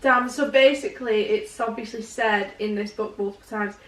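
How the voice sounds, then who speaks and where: A woman's voice: on the high side, steady tone, far from the mic, background noise. Chatty Northern English woman, roomy sound. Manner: chatty, laughs often, quick asides. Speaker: podcast co-host. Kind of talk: casual book chat.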